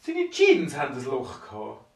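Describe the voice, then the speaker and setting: A man with a Swiss German accent telling an improvised bedtime story in an animated manner, with some hesitation. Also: mid-range voice, moderate pace, gravelly. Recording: roomy, distant from mic.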